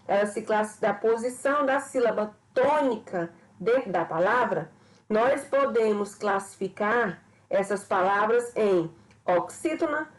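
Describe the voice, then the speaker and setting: A woman teacher explains a grammar lesson step by step in a slightly high voice. She often repeats herself and pauses to check that the class is following. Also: low-quality recording. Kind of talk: recorded grammar lesson for students.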